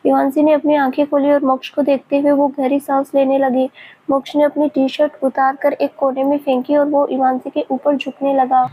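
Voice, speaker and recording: A woman narrating a romance story in a steady, even reading. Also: high-pitched, slight background noise, low-quality recording.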